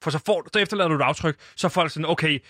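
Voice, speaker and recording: A male radio host in comedic banter, spinning absurd ideas with a deadpan tone and sudden jumps in pitch when acting out lines. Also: no echo, studio quality.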